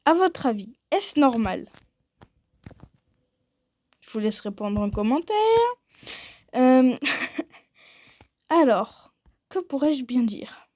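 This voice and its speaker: A woman's voice: a little high, animated, slow pace, pauses often, a little mellow, dry recording. A woman giving casual commentary while playing a mobile game, rambling playfully and poking fun at herself. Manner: playful, rambling and self-mocking.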